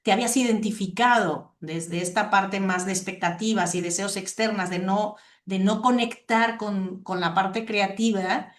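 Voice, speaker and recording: Woman host musing out loud, picks words slowly, echoey room sound. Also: mid-range voice, steady tone. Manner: thoughtful, searches for words with restarts. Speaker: interviewer. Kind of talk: reflective interview conversation.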